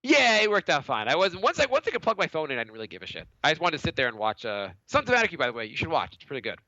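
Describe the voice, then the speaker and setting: On a podcast he co-hosts, a man talks very fast in a voice on the high side, telling a story in casual conversation. He sounds a little congested from a cold and animatedly voices other people's lines louder, and the recording is muffled with no echo.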